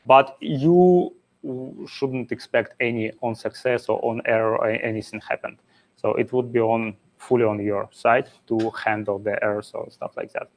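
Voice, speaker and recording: A man's voice: medium pitch, moderate pace. Man giving a technical meetup talk. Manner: explains step by step with frequent "uh" fillers. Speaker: conference speaker. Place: meetup venue.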